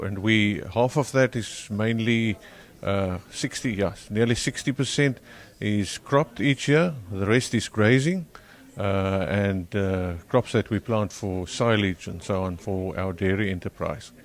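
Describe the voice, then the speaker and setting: Low-pitched man with a broad South African accent. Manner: halting, self-correcting. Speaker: farmer, interview guest. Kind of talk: interview answers.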